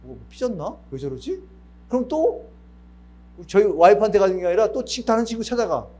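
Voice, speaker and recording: A man's voice: sits high, fairly quick. A man preaching a sermon at a church service, telling personal stories and acting out little dialogues. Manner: animated storytelling, acting out dialogue. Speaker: missionary preacher.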